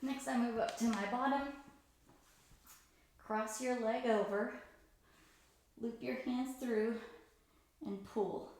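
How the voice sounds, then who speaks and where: A woman's voice: on the high side, fairly even intonation, slow pace, long pauses, darkish tone. Woman in a very echoey room, casual instruction. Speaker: host of a stretching routine video. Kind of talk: casual exercise instruction, talking through own stretches.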